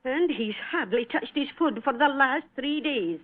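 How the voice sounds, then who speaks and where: A homely Scottish housekeeper, kindly and prone to fretting. Her voice is fairly high and motherly. It is heard through a tinny, band-limited radio drama recording. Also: animated, unhurried. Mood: worried. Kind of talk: old-time radio acting.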